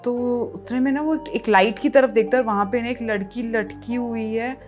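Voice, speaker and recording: A young woman casually reading out a creepy text story and reacting to it, animated and mixing English phrases into her talk. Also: fairly high pitch, moderate pace, soft background music. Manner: animated, mixes English into chat, reacts with gasps and laughs. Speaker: YouTuber reading creepy texts. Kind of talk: casual storytelling read-aloud.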